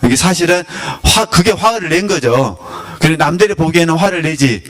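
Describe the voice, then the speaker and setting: A man's voice: a little high, lively intonation, fairly quick, a bit bright. A man giving a casual, sermon-style teaching, conversational and often asking his listeners questions with a chuckle. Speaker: teacher of a spiritual academy.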